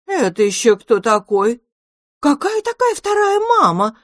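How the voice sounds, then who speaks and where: Woman doing a big predatory storybook cat: slow, insinuating drawl, dry sound. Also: mid-range voice, sing-song, a little mellow, dry recording, voice pushed up. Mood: sly. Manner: drawn-out, insinuating. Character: huge grey mother cat, gloomy and predatory.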